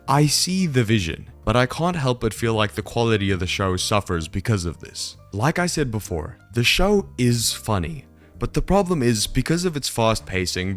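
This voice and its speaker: A man hosting a casual scripted video review, with wry, deadpan asides. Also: mid-range voice. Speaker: video commentary host.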